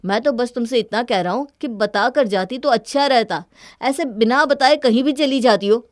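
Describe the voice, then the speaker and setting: A woman with a fairly high voice performs the part of an earnest, exasperated young husband in a Hindi cartoon story, sounding reasoning and reproachful. She speaks at normal speed with light acting, in a dry, studio-quality recording.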